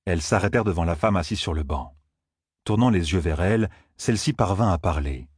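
Deep husky male narrator. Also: animated, fairly quick, no echo, clean studio sound. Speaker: audiobook narrator. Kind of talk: scripted narration.

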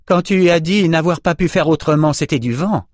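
A man's voice: fairly high pitch, moderate pace, no echo, studio quality, voice pushed up, lightly acted. A man voicing an outraged sorceress. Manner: indignant, scolding. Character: fierce female sorceress, exasperated former mentor.

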